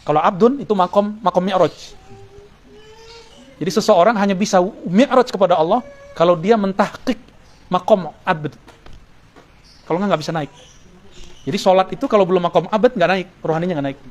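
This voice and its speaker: A man giving a Sufi study lecture, talking casually, quoting Arabic verses and joking with his listeners. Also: high-pitched. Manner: conversational, jokes with the audience, quotes Arabic verses. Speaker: Islamic preacher.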